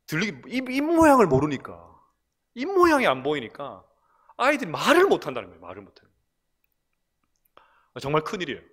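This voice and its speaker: A middle-aged man with a Gyeongsang accent delivers an afternoon sermon in a church. His voice sits slightly high and swings widely in pitch. He talks in a warm, storytelling way, as if chatting with the people in the pews. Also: brisk, long pauses. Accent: Gyeongsang Korean. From Gyeongsang region, Korea. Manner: conversational, animated, laughs at own stories. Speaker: preacher. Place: church, recorded from broadcast room.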